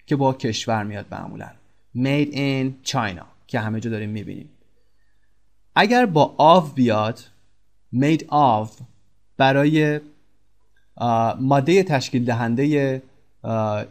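A man teaching an English vocabulary lesson, repeating words and spelling them out, with quick asides between slow example sentences. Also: medium pitch, darkish tone.

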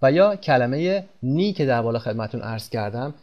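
A man teaching English pronunciation in Persian, speaking slowly and repeating example words with stress. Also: mid-range voice, lively intonation, lo-fi sound. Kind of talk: pronunciation lesson.

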